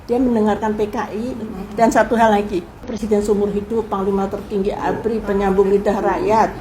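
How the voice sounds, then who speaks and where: An older woman, a guest in an interview, telling family history in a lively way and acting out the people she quotes. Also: medium pitch, moderate pace, some chatter behind, slight background noise, poor audio. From Indonesia. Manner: animated storyteller who acts out quoted people. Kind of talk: casual spoken reminiscence.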